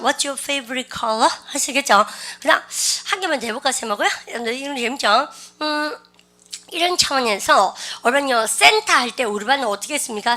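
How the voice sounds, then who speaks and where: Woman vocab teacher, fairly high and bright-toned, lively and coaxing with the class. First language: Korean. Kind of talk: classroom lecture.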